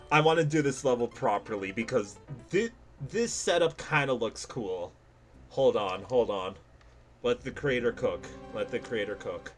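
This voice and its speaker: A man giving casual gameplay commentary as a streamer, animated and self-mocking, laughing often. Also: mid-range voice.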